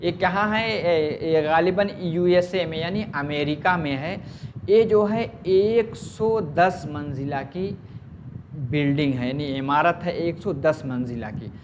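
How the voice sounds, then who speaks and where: Indian male teacher, slow deliberate lecture delivery, slightly high voice, faint hiss behind. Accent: Urdu-speaking Indian. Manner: drawls English quotes, asks and answers his own questions. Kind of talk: recorded classroom lesson.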